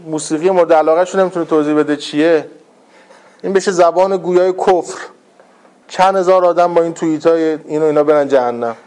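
Guy giving a religious talk, chatty, kinda high voice, acts out the people he quotes. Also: darkish tone. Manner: conversational, acts out quoted voices with rising intensity. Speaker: religious speaker.

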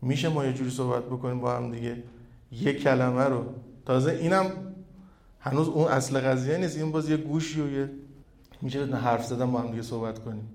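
A male preacher giving a sermon through a microphone, building to loud, fervent peaks and then dropping to a quiet storytelling tone. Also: mid-range voice, fairly even intonation. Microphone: microphone with echo effect. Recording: echoey hall sound.

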